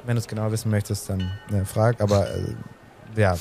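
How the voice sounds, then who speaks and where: A man's voice: lowish voice, flat delivery, normal speed, warm tone, soft background music. A man narrating as game master of a tabletop game, rambling and restarting often.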